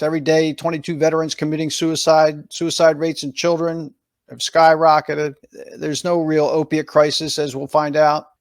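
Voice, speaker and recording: A man, a doctor, narrating a slide presentation in a measured, deliberate way, listing points one by one. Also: a little high, dry recording, studio quality. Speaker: doctor giving a talk series.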